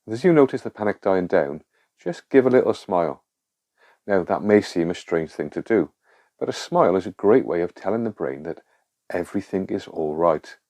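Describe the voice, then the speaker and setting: A man guiding a grounding exercise in a calm, reassuring, instructing manner. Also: deep voice. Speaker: guide of a panic relief exercise.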